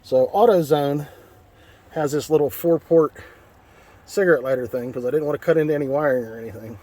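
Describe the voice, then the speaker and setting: Showing off the radio he installed in his truck, an American man talks a little fast in a slightly high voice with a dark tone. His casual, folksy walkthrough is unscripted and rambling, with plenty of repetition. It's handheld outdoor video around a parked truck, with clear background noise.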